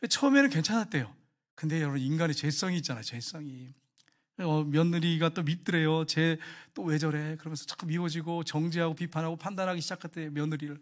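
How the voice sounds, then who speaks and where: A male pastor with a Gyeongsang accent preaching a sermon. He tells a story full of rhetorical questions and swings from hushed asides to emphatic declarations. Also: a little high, fast talker. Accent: Gyeongsang Korean. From Gyeongsang region, Korea.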